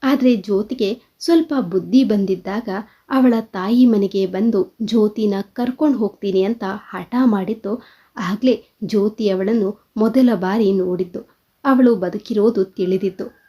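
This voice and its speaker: A woman's voice: medium pitch, unhurried, warm tone, husky. A woman voicing an elderly father who talks in a sorrowful, confessional way, in a dull lo-fi recording. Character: elderly father, grieving and tearful.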